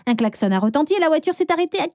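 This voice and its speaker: A woman narrating a first-person animated story as a dramatic, expressive teenage girl. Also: high voice, rapid-fire, no room sound, studio quality. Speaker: narrator and heroine.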